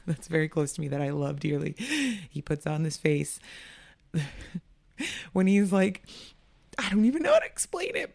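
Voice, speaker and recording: A woman's voice: fairly low pitch, a little mellow, no echo. A young woman hosting a casual solo podcast, chatty and candid, often laughing and swearing. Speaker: podcast host.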